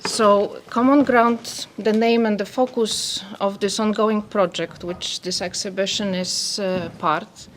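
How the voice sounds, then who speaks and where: A woman from Poland with a Polish accent, an anthropologist speaking softly and carefully as she reads a prepared talk. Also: medium pitch, fairly even intonation, a little slow, hardly any pauses, a little hiss or hum. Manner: soft-spoken, careful reading.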